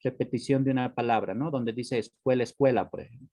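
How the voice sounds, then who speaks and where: A man's voice: mid-range voice, fairly even intonation, fast, warm tone, no echo. A male teacher giving an online class, explaining patiently and checking in with "¿no?" and "¿sí?" after almost every phrase. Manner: patient, explanatory, repeats words as he goes.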